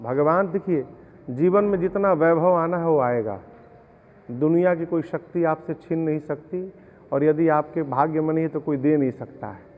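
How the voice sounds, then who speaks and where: A man gives a preacherly devotional discourse in a fairly high voice. He explains verses homely examples, then chants them slowly. The sound is tinny and narrow, a long hall reverb behind it. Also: slight background noise. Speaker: religious storyteller.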